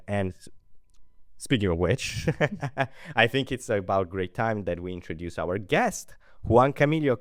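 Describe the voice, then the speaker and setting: Low-voiced, chatty male co-host. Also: smooth, dry recording, clean studio sound. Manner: expressive, chatty, many fillers. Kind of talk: casual podcast chat.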